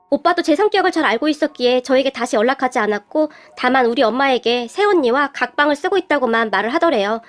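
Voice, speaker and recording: A woman narrating a dramatic family story in a steady, scripted tone. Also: sits high.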